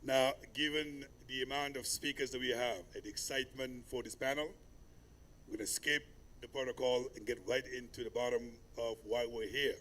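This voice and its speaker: A man's voice: mid-range voice, steady tone, fairly bright tone, a little hiss or hum. Man from Senegal moderating a summit. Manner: measured, ceremonial address. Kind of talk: formal conference moderation. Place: large conference hall.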